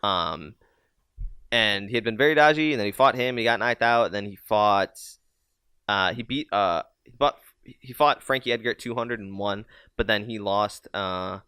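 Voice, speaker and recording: A man's voice: fairly low pitch, moderate pace, pushed and bright, clear, resonant tone, dry recording, studio quality. A young man co-hosting a casual sports podcast, blunt and profane, rambling through fight talk. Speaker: podcast co-host.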